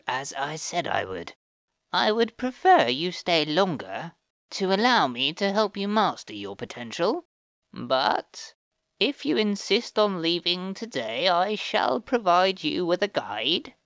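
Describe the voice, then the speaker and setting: A man doing a slow, stately elder woman. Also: on the high side, sing-song, fairly bright tone, no room sound, voice pushed up, exaggerated voice. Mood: measured. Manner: slow, measured, formal. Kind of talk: audiobook character voice.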